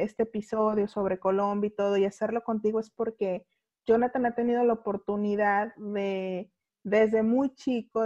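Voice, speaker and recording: A Mexican woman from Guadalajara hosting a casual podcast conversation, chatty and quick to laugh. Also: mid-range voice, dark tone, lo-fi sound. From Guadalajara, Jalisco, Mexico. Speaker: podcast host.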